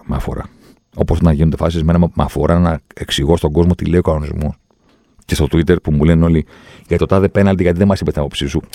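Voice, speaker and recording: Deep-voiced man explaining rules. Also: mellow, no room sound, clean studio sound. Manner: explains rules insistently, acts out quoted voices. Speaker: football refereeing commentator. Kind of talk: opinionated talk-show monologue.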